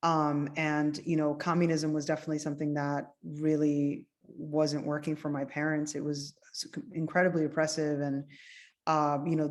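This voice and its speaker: A woman's voice: low-pitched, a little mellow. A woman in her forties, from Cuba and raised in New Jersey, chatting as an optometrist guest with lots of "you know" fillers. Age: 40s. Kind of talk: casual interview.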